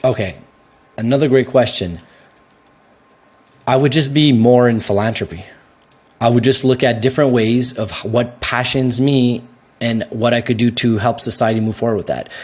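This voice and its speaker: A young Canadian man answering interview questions in a casual, animated way, laughing easily and often restarting his sentences. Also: medium pitch, moderate pace. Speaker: guest.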